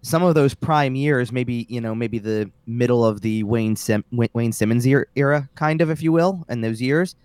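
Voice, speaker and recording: A man's voice: medium pitch, moderate pace, hardly any pauses, a little mellow, smooth, dry recording. A man co-hosting a casual sports podcast, often restarting and repeating words as he makes his point. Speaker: podcast co-host.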